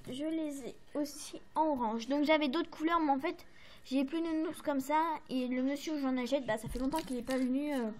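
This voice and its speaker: High-voiced French woman chatting about crafts. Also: a little fast, a little hiss or hum. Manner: chatty, hesitant, many fillers and apologies. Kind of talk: casual show-and-tell to camera.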